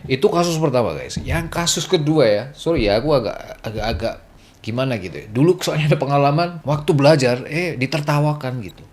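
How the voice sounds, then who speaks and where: A chatty man from Indonesia talks through language-learning tips in a relaxed, conversational lesson. He teases his viewers and now and then drops into gruff, playful Japanese impressions. His voice sits at an ordinary middle pitch for a man. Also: brisk. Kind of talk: casual spoken lesson.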